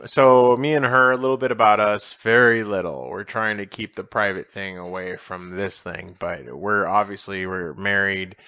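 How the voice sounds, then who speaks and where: Relaxed, swearing man hosting a home podcast. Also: lowish voice, normal speed, hardly any pauses, clean tone, dry recording. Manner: laid-back, joking, swears freely. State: tired. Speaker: podcast host. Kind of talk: casual chat. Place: small den room at home.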